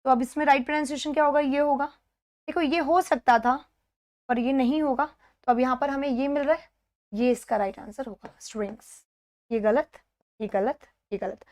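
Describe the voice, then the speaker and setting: Woman, high-pitched, live online lesson, step-by-step explaining, slow repeated pronunciations. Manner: explains step by step, often checks in with "theek hai"; repeats words slowly to model pronunciation. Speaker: English exam teacher.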